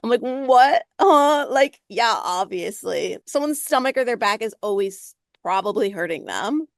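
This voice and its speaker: A woman's voice: medium pitch, sing-song, normal speed, creaky, dry recording, studio quality. Young woman guest telling a story, amused. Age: young adult. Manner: amused storyteller, cackles, mimics others. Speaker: podcast guest. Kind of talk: casual chat.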